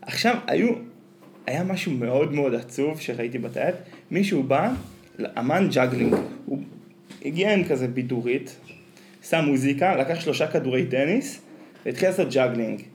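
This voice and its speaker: A man's voice: mid-range voice, lively intonation, darkish tone. A man with an Israeli accent in casual conversation as a podcast co-host. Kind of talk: casual chat. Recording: faint ambient background noise.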